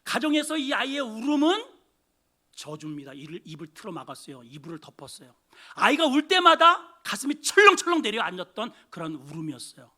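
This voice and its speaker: Animated, bright-voiced Korean pastor preaching. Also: male voice, sits high, fairly quick. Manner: dramatic, swings from loud exclaiming to hushed asides, acts out voices. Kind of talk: sermon. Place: church sanctuary.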